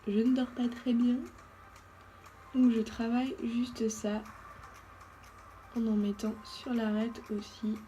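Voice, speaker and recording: Chatty woman with a mellow voice. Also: a little high, flat delivery, slow, long pauses, a little hiss or hum. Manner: chatty, thinks aloud with "hop" and many fillers. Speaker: beauty vlogger. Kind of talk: casual makeup tutorial.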